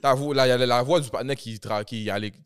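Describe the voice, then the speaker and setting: A man's voice: mid-range voice, quick pace, clean tone, no room sound, clean studio sound. A man, a podcast guest chatting casually and acting out his family's lines as he tells stories. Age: 20s. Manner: animated storyteller, acting out family members' lines; mixes in English phrases mid-sentence. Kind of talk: casual chat.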